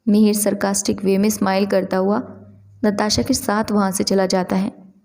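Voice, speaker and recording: A woman narrating a story in an expressive, conversational way. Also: mid-range voice, normal speed.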